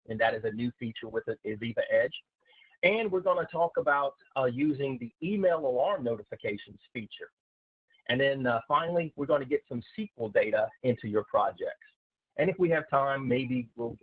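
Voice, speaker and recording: A man giving a software webinar as a systems consultant, halting with many filler sounds, his voice heard through a recorded online meeting. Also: medium pitch, slightly rough, dry recording. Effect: voice heard through a recorded online meeting's screen-share session. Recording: tinny, dry online-call audio.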